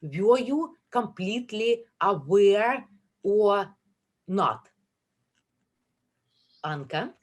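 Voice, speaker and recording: A woman hosting a webinar over a video call, speaking slowly and deliberately and pausing between the words in a list. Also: mid-range voice, animated. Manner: slow, deliberate, listing words one by one. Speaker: webinar host. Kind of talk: guided webinar talk.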